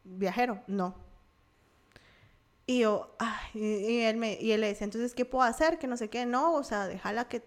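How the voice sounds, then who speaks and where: A young Guatemalan woman with a Guatemalan Spanish accent, her voice fairly high and her pace normal, tells a personal story as a guest on a podcast. She's animated and casual, acting out the voices of the people in her tale.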